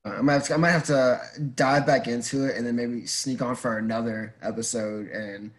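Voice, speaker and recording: Male podcast guest, mid-range pitch, conversational, loose, hesitant phrasing. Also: fairly even intonation. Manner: halting, thinking aloud, informal. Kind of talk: casual chat.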